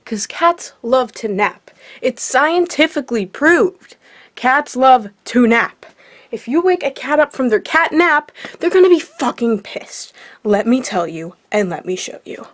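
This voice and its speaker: A young woman hosting a comedic vlog, with a mock-scientific, deadpan delivery and casual swearing. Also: a little high, unhurried. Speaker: YouTuber.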